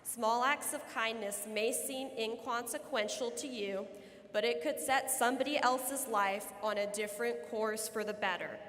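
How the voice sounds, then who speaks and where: A woman's voice: on the high side, moderate pace, fairly bright tone. A young woman in her late teens giving an earnest, prepared podium speech as a student at graduation. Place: large indoor room at a graduation ceremony. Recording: long hall reverb.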